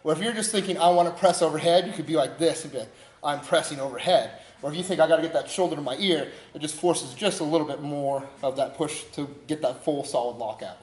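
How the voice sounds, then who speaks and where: A man's voice: on the high side, quick pace, a little mellow, roomy sound, poor audio. A man coaching a lift in a gym, walking through the steps with short cues. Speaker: strength coach. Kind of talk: instructional demonstration.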